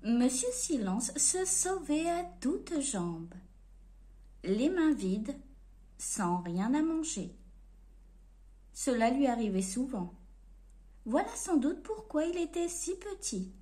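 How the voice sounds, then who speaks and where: A woman reading a storybook aloud to children in an expressive, playful way. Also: high voice, slow, pauses often.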